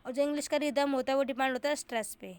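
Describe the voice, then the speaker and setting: A woman's voice: high-pitched, steady tone, racing, darkish tone, dry recording. A young woman tutoring for an exam in a casual explanatory lesson, often repeating and restarting as she explains and mixing in English terms.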